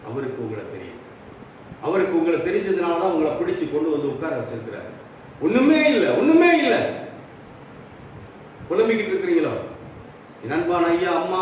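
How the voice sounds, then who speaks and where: A high-voiced male pastor with a Tamil accent delivers a sermon, moving between hushed low appeals and loud emphatic bursts. He sits far from the microphone in a church that rings with heavy echo. A faint hiss runs underneath. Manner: swings between soft low appeals and raised emphatic lines. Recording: very echoey, distant church recording.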